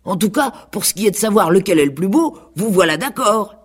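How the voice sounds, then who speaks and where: A woman's voice: medium pitch, lively intonation, brisk, slightly rough, pitched above the performer's own voice. A woman voicing a naive, self-satisfied fat pig in a radio play. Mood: smug, naive. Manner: guileless and smug.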